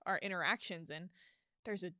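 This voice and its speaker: A woman's voice: fairly low pitch, sharp tone, no room sound. Earnest young woman, dry close sound. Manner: earnest, encouraging, quick to laugh. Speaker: podcast guest. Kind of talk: casual faith conversation.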